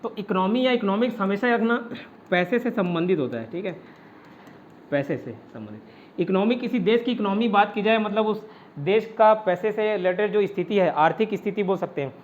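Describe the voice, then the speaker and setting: A man with a fairly high voice leads an online exam-prep class. He explains step by step and answers his own questions as he goes. The sound is dull and lo-fi. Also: expressive, moderate pace, a little hiss or hum. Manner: often adds "ठीक है" to check understanding. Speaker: teacher.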